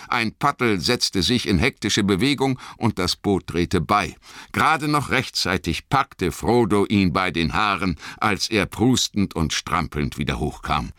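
A man reading an audiobook in a dramatic, expressive storytelling manner. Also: deep voice, no echo, clean studio sound. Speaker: audiobook narrator. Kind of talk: scripted narration.

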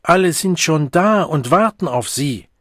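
A fawning, desperate host who whines and begs through a locked door, put on by a male narrator. His pleas climb high above the narrator's own voice and come out husky. The sound is close and dry, with no room around it. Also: animated, moderate pace, no room sound. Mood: pleading. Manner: whining, begging.

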